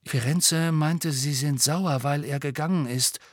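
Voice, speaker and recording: A man's voice: fairly high pitch, unhurried, no room sound, studio quality, pitched above the performer's own voice. A man voicing a curious, brave teenage schoolboy who asks earnest questions.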